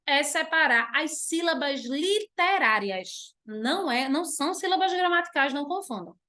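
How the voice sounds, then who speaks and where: A Brazilian woman teaches an online class in a high-pitched, animated voice that is bright and forceful. She explains patiently, asks questions and answers them herself, and draws out stressed words when demonstrating.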